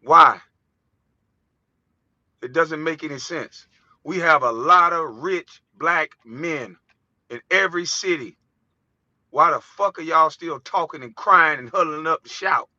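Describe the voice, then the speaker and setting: A man from the United States speaks in a hard, very bright voice with a touch of lift in his pitch. He rants in a heated, preachy, profane monologue. The recording is dry and a bit dull. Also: unhurried, no echo. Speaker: vlogger. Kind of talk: impassioned monologue.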